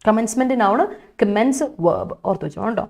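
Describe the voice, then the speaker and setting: A woman's voice: a little high, animated, fairly quick, creaky, darkish tone. Chatty Malayali woman teaching English. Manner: chatty, coaxing, repeats key points with "kettō". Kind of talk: online exam-prep lesson.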